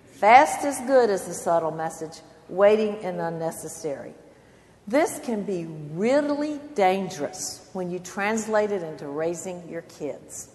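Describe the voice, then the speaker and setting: A woman's voice: fairly low pitch, expressive, a little slow. Older woman giving an earnest devotional talk. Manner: earnest, emphatic, swells and drops in loudness. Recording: long hall reverb.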